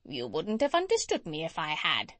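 A woman voicing a proud, bossy female parrot in a storybook, with a high voice and an insistent, instructive manner. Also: huge pitch swings, normal speed, bright, forceful tone, no room sound, exaggerated voice. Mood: matter-of-fact.

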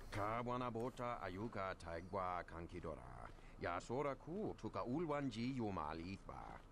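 A man's voice: deep voice, very animated, moderate pace. An actor playing a horned alien townsman in a video game, debating insistently in an invented language. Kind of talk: video game creature dialogue. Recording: clear background game noise.

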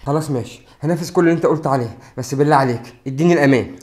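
A woman's voice: low-pitched, darkish tone, close to an everyday voice. A woman playing a cowardly scheming Egyptian man. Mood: pleading. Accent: Egyptian Arabic. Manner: rapid, wheedling, pleading when caught. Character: cowardly scheming adult man hired for a plot. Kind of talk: amateur skit acting.

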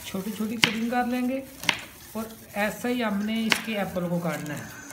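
Speaking at an ordinary pace with animation, this mid-range female voice belongs to a home cook explaining a dish step by step at her kitchen table. She's chatty, goes over each step again, and praises what she's making, while the indoor room sounds roomy and noisy.

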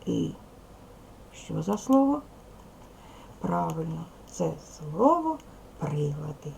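A woman teacher giving a video lesson to young children, speaking slowly and clearly, asking them questions patiently. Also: low-pitched, big pitch swings, darkish tone, slight background noise, poor audio. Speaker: primary school teacher.

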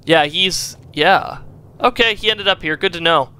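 A man's voice: sits high, a little slow, pushed and bright, clean tone. A man hosting a gaming channel, chatting casually and reading dialogue choices aloud as he plays. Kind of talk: casual game commentary.

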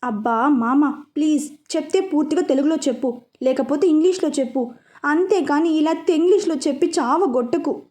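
A woman reading a storybook voicing a worried young man who snaps in quick exasperation. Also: sits high, darkish tone, natural voice. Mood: irritated.

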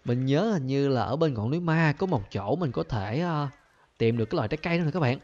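A man hosting a gaming channel, giving excited gameplay commentary and talking straight to his viewers. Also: medium pitch, fast talker, dull audio. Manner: animated, keeps addressing viewers as "các bạn ơi".

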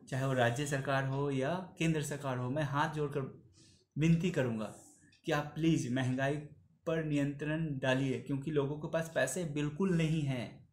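A man's voice: on the high side, echoey room. A man in his thirties giving an earnest opinion commentary to camera in a small room, pleading and slipping into English phrases. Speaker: vlogger.

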